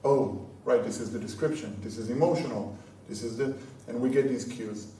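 A man's voice: medium pitch, steady tone, normal speed, dark tone, far from the mic. A middle-aged man talks informally on a panel in an echoey, noisy seminar room, repeating words as he thinks. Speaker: scholar on a translation panel. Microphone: handheld microphone.

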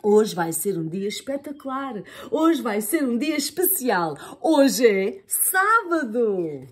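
A woman's voice: fairly high pitch, very animated, slow pace, slightly rough, pitched above the performer's own voice, heavily acted. A woman voicing a flustered, loving young mother, breaking into wailing outbursts in a storybook reading. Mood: soothing.

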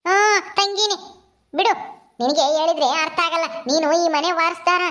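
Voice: very high voice, normal speed, bright, forceful tone, pitched below the performer's own voice. A performer voicing a bossy, scheming old grandmother who scolds and lectures a boy in a home-made family drama. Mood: scornful.

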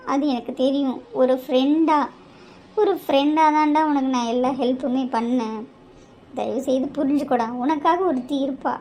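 A woman's voice: sits high, warm tone. A woman voicing a young married woman held captive in a cartoon, who insults her captor with scorn and then begs him to let her go. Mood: begging. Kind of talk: animated cartoon voice acting.

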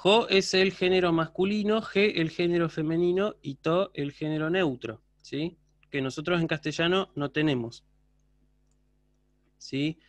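A man's voice: a little high, unhurried, no echo. A man teaching a university class online, explaining patiently and often checking that students follow. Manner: patient, explanatory, checks understanding with frequent questions.

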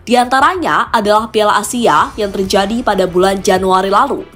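A woman narrating a scripted sports news segment in an even, read-out delivery. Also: medium pitch, fairly quick. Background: background music.

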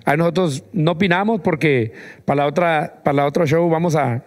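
Slangy middle-aged host in a studio. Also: male voice, on the high side, a little fast. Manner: loose, slangy, repeats words. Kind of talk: casual chat. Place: music studio set. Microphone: handheld mic.

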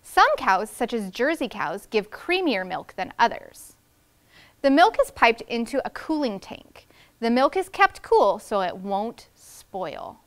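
A first grade teacher in her thirties reads aloud to young children in a classroom, carefully enunciating the big words. Her voice is a little high and sing-song, and she keeps a measured pace.

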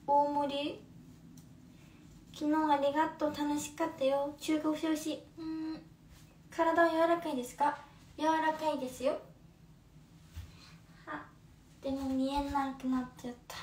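A woman of twenty with a Kumamoto accent chats with viewers on a livestream, warm and casual, using many fillers. Her voice sits high, and the sound comes from a phone some distance away. The room around her is echoey, with faint background noise. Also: little pitch movement, slow, long pauses. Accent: Kumamoto dialect. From Kumamoto, Japan. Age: 20s. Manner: chatty, friendly, with many fillers. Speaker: livestream host. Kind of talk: casual livestream chat reading comments.

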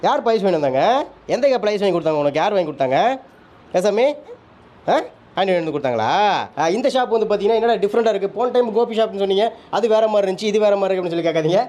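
A man with a Tamil Nadu accent chatting quickly in a family vlog at a salon, coaxing his small child. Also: high-pitched, lively intonation, dark tone. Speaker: family vlogger, father. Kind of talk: casual family vlog chat. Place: tattoo and beauty salon, indoors.

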